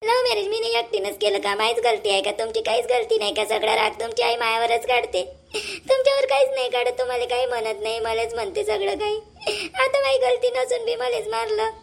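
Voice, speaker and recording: A woman's voice: very high-pitched, big pitch swings, fairly quick, gravelly, full character voice. A woman, playing a young wife who sobs and complains that her mother-in-law beat her. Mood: sobbing. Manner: sobbing, tearful complaining. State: crying. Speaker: actor in a family drama. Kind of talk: amateur family drama acting.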